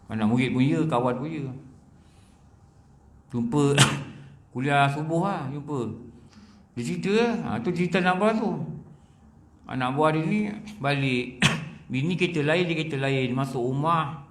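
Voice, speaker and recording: A man's voice: mid-range voice, reverberant. A man with a Malaysian Malay accent giving a religious lecture, telling stories in a conversational way and repeating phrases for emphasis.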